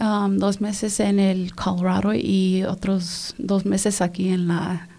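A woman whose first language is English, giving an earnest personal faith testimony in an interview. She speaks softly and often drops into a whisper. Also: medium pitch, level tone, takes it slowly, gravelly. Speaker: interview guest.

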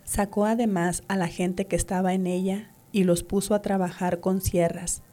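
A woman reading scripture aloud in a measured, even way. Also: mid-range voice, faint music behind. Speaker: scripture reader.

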